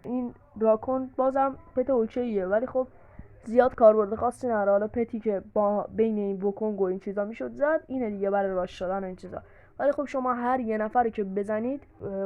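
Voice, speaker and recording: A woman's voice: medium pitch, muffled recording. A woman casually narrating a game guide, chatty and explaining things with examples and many fillers. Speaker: gaming YouTuber.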